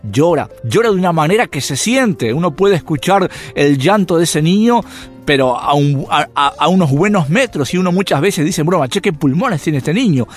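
A radio preacher delivers a devotional sermon over soft background music, posing rhetorical questions as his voice animatedly rises and drops. He speaks at normal speed in a voice on the high side.

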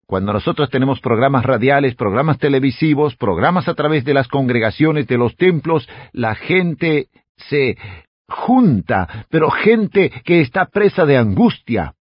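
A man's voice: mid-range voice, lively intonation, unhurried, breathy edge, no echo, highs cut off. A man preaching a radio sermon as a pastor, speaking earnestly and addressing the listener directly as a friend.

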